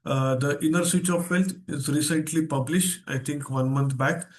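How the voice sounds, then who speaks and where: In an interactive online seminar held over video, a man with an Indian accent speaks as a guest trainer. His voice sits on the high side, with fairly even intonation at a normal speed, and he stresses key phrases while putting questions to his listeners.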